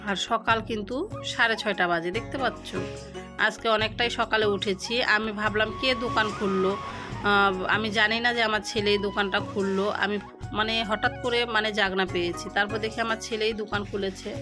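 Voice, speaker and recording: A middle-aged woman vlogging about her day at home, talking slowly and haltingly with pauses while she has a headache, filmed on a phone set down nearby. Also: mid-range voice, steady tone, over music. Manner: slow, halting talk with pauses. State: unwell with a headache. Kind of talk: casual daily-life vlog. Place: home kitchen and village shop.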